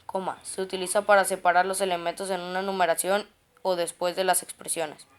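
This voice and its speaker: Woman, clear smooth voice, reads grammar notes aloud term by term, stumbles and restarts often. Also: lowish voice, flat delivery, fairly quick. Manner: reads a list of terms and definitions, with frequent restarts on words.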